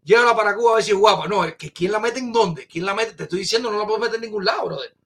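A man hosting a casual live-stream chat, excitable and exclaiming, often repeating his phrases. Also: sits high, rapid-fire. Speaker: podcast host.

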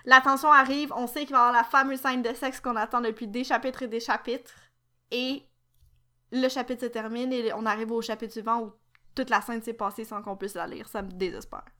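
A woman with a Québécois accent co-hosting a casual podcast, enthusiastic and expressive. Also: on the high side. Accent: Québécois French. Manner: enthusiastic, expressive, quick to exclaim. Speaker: podcast co-host. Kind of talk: casual chat.

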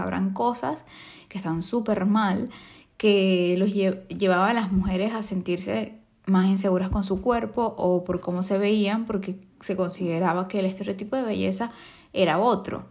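A woman's voice: medium pitch, creaky, darkish tone. A young adult woman with a Venezuelan Spanish accent talks casually as the host of her own podcast. Her delivery is conversational, full of small fillers and tag questions. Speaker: podcast host, makeup artist.

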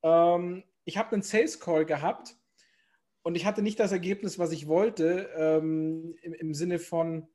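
A man's voice: a little high, fairly even intonation, measured pace, warm tone. A man chatting casually on a podcast, rambling with lots of fillers and restarts. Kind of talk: casual chat.

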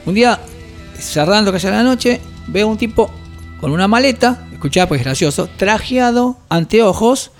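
A man in his fifties with an Argentine accent, a record shop owner telling animated, slangy anecdotes in an interview. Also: high voice, normal speed, soft background music. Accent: Rioplatense Spanish. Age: 50s. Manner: animated anecdotes, slangy, acts out quoted voices. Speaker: guest, record shop owner and metal musician. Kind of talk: casual storytelling interview.

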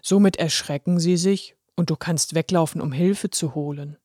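A deep, gruff yet kindly old-fashioned conductor speaks from a children's storybook, as a woman narrator puts him on. His voice sits low and steady, reassuring and a little stern. The recording is close and dry. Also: moderate pace, no room sound. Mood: encouraging. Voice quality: deep put-on voice. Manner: gruff but encouraging. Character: kindly male pen conductor with moustache. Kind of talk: storybook reading.

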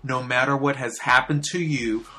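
A man's voice: medium pitch, steady tone, moderate pace, pushed and bright. A man hosting a short daily devotional, talking in an earnest, confessional way with hesitant fillers. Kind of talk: casual spoken devotional.

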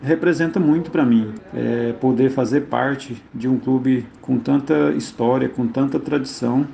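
A middle-aged Brazilian man reminiscing in an interview, halting and repeating phrases, on a muffled recording with some noise. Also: medium pitch, steady tone, gravelly, mellow. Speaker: retired footballer. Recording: muffled, faint background noise.

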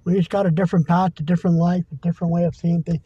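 High-voiced man ranting heatedly. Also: level tone, racing, husky, dry recording. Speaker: podcaster. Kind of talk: impassioned monologue. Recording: dull lo-fi recording.

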